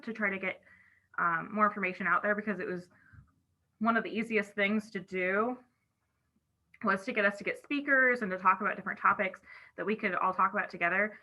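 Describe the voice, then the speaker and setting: A woman's voice: medium pitch, pushed and bright. A woman chapter officer leading an online meeting in a chatty way, talking around a cough drop in her mouth. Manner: chatty, many "I feel like" asides. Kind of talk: casual online meeting talk. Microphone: video call. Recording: dull lo-fi call audio.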